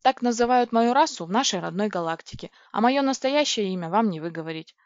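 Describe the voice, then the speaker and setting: A woman's voice: mid-range voice, animated, brisk, no echo, natural voice. A woman reading a storybook voices a male crocodile-spider alien scout who speaks courteously, formally and precisely. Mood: polite. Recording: dry, dull lo-fi recording.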